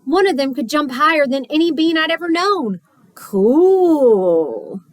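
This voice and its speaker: A woman with a high voice reads a picture book aloud the way a teacher would, narrating expressively, pausing for drama and stretching out key words.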